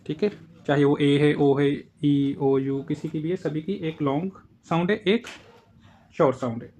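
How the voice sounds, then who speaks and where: A man's voice: a little high, fairly even intonation, a little slow, a little mellow. A man with an Indian accent teaching a casual lesson, patiently explaining and repeating the example words. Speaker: German language teacher.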